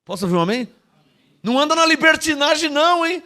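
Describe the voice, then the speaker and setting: Male pastor with a Brazilian accent, high-pitched and highly animated, emphatic sermon delivery with calls for congregation response. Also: fast. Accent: Brazilian Portuguese.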